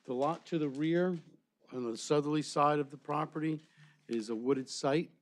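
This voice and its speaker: A man's voice: fairly high pitch, normal speed. A man testifying formally as an engineering and planning expert at a public hearing. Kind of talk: formal testimony describing a site plan. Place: public board meeting room.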